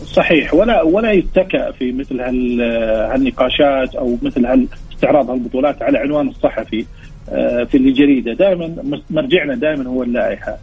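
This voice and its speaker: Husky, quick-talking Saudi man explaining. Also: mid-range voice. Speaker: guest expert, sports historian. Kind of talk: explanatory interview talk. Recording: dull lo-fi radio sound, music behind.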